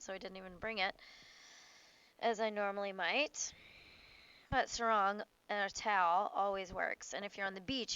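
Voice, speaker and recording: A woman instructor guiding a warm-up yoga class outdoors, giving short cues for moves and breath in a casual, playful way. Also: mid-range voice, clean tone, muffled recording.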